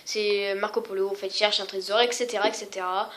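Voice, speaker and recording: Une femme qui présente ses jeux vidéo sur un ton décontracté, en hésitant souvent et en se moquant d'elle-même. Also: female voice, medium pitch, little pitch movement, fairly quick, a bit bright, slight background noise. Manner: rambling, many fillers and self-mocking asides. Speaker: gaming vlogger. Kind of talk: casual video game showcase.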